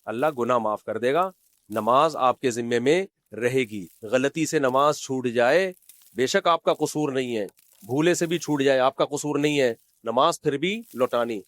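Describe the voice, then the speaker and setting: A man's voice: mid-range voice, a bit bright, dry recording. A man who is an Islamic scholar giving a religious lecture, scolding and sarcastic, who recites Arabic quotations and mimics the people he criticizes.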